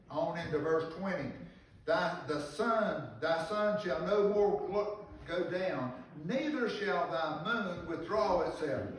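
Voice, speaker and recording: An older man giving a sermon from a church pulpit, reading scripture and preaching earnestly, with slow pauses and restarts, recorded from the pews. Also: sits high, a little hiss or hum. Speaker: pastor. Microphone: far camera in the pews. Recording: echoey church from far off.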